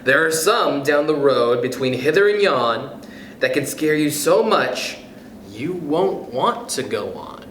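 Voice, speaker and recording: A man reading a children's picture book aloud in a playful, expressive way, chuckling between passages, then speaking to young listeners himself. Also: a little high, slow, slight background noise. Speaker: youth club storyteller. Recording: echoey room.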